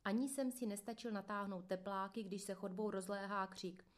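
A woman narrating a first-person prison memoir in a calm, measured audiobook reading. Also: medium pitch.

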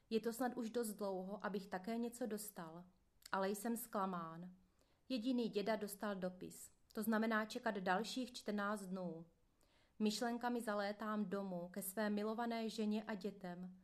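A woman narrating a first-person memoir in a steady, earnest manner. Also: medium pitch. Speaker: audiobook narrator.

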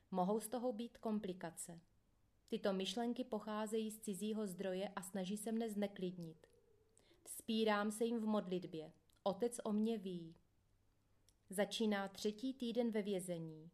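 A woman reading a first-person memoir aloud in a calm, measured way. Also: mid-range voice. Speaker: audiobook reader. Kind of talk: scripted first-person narration.

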